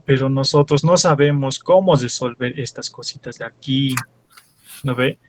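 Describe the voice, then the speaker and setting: A young man with a Bolivian Spanish accent, a teaching assistant working through problems step by step in class and quizzing his students. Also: a little high. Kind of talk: classroom lecture.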